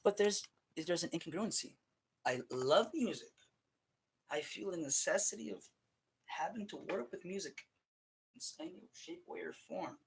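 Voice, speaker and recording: Sitting high in pitch and expressive, the man's creaky voice moves slowly over slight background noise. He's a streamer muttering to himself in a casual, profane ramble, restarting lines mid-thought and mixing English with Spanish.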